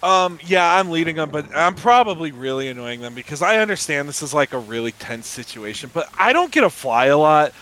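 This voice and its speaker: Goofy guy in a tabletop rpg, higher voice, really bouncy pitch, casual. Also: fairly quick, few pauses. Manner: animated, goofy. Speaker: player in a tabletop game. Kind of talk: casual comic role-play.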